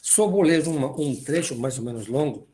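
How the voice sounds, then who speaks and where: Male lecturer, fairly high voice, halting delivery with frequent restarts, reads quotes then explains. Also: animated, mellow. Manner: hesitant, repeats words while searching for them. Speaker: philosophy lecturer. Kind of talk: university lecture.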